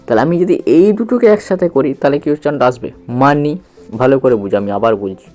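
A man teaching a basic reading lesson, slowly spelling out each syllable and asking the learner questions as he goes. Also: medium pitch, big pitch swings, warm tone, soft background music. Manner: slow, repetitive, patient explaining with questions to the learner.

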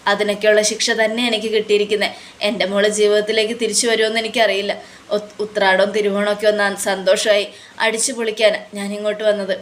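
A woman voicing a scheming older father who is grief-stricken and pleads in a tearful, halting way in a retold TV serial. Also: medium pitch, level tone, slight background noise, close to an everyday voice. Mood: grieving. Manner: tearful, begging, halting repetitions.

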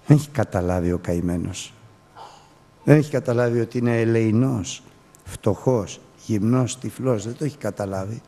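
A man preaching earnestly with a low, dark voice. He sinks into hushed asides and then lifts into sharp exclamations. His words ring out with the long reverb of a church hall. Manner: earnest, with quiet dropped-voice asides and sudden raised exclamations. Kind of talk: sermon.

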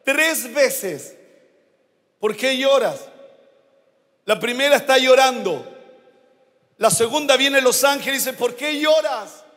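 A Chilean man preaching a sermon as a pastor, slow and emphatic, rising to shouts at his climaxes. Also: extremely high pitch, lively intonation. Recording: long hall reverb.

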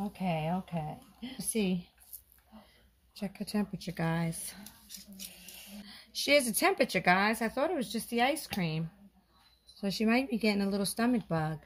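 A woman's voice: medium pitch, lively intonation, normal speed, long pauses. A woman narrating a doll role-play vlog, fussing over a sick doll in a soothing tone and talking to her viewers. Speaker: doll vlogger.

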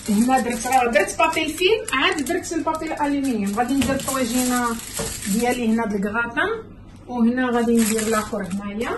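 A woman's voice: on the high side, racing, background noise. Moroccan lady chatting away while she cooks, home kitchen, mic on the counter, talks straight to the viewers. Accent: Moroccan Arabic. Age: middle-aged. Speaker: cooking channel host. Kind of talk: casual cooking vlog chat. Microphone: camera near the worktop, speaker mostly off frame.

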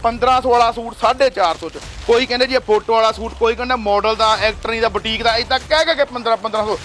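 Man, very high voice, rapid pushy sales pitch, faint noise behind. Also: fairly even intonation, fairly bright tone. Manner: pushy, repeats prices in quick lists. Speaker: shop promoter. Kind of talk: fast sales promo video.

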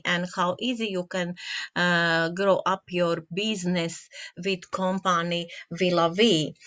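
A woman in her late fifties speaks with a Latvian accent, at a slow, halting pace and a medium pitch. She presents business ideas informally, often hesitating and repeating herself in non-native English. The recording is somewhat dull and lo-fi. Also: fairly bright tone. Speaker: network marketing team leader, presenter. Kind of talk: informal online business presentation over slides.

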